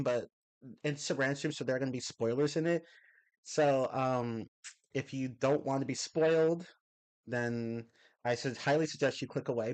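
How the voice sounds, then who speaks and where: With a mid-range voice still a little off from a cold, a young man chats casually on a live stream. He reads messages from chat and answers them, rambling, correcting himself and swearing in a casual way.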